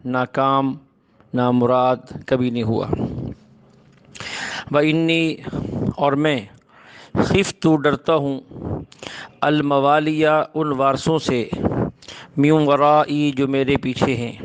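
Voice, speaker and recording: A man teaching a Quran translation lesson, reciting each phrase slowly, then explaining its meaning in plain speech. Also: medium pitch, clean tone. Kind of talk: word-by-word scripture translation lesson.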